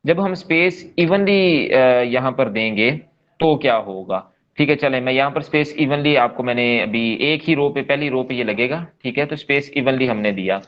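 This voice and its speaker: A man's voice: mid-range voice, moderate pace, muffled recording. A man leading a live online coding class, explaining step by step in a patient, repetitive way and checking in often with his students. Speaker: coding instructor.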